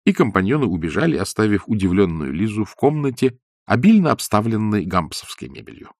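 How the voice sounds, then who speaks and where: A man reads a novel aloud in a low voice with an expressive, theatrical delivery. His pitch moves widely through each sentence. The recording is dry and close. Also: brisk, dry recording. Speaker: audiobook narrator. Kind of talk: literary audiobook narration.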